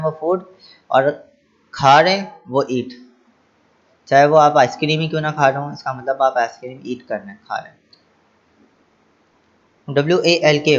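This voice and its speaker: Teacher spelling English words, dull audio. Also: male voice, medium pitch. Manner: spells words letter by letter, then repeats and translates; asks rhetorical questions to the class. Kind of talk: explaining English vocabulary to children.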